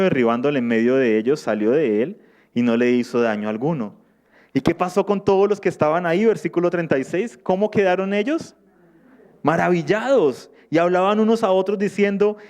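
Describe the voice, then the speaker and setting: A man's voice: a little high, a little mellow. A male preacher teaching from the Bible in a sermon, reading scripture aloud and asking his listeners questions before answering them.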